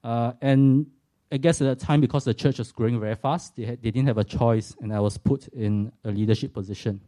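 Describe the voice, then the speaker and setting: His medium-pitched voice is dark and brisk, with fairly even intonation and a Singaporean accent. The man, in his forties and from Singapore, gives a church an earnest, reflective faith testimony touched with self-mockery.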